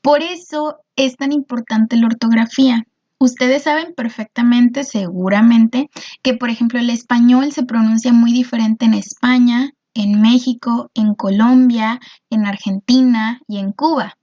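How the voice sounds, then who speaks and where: A woman's voice: on the high side, steady tone, a little slow, mellow, lo-fi sound. A woman teacher, patiently explaining a lesson and often checking in with her students. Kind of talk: recorded class explanation.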